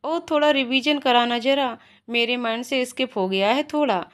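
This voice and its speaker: A woman storyteller voicing a playful, teasing young husband in a low, soft voice. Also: normal speed, natural voice.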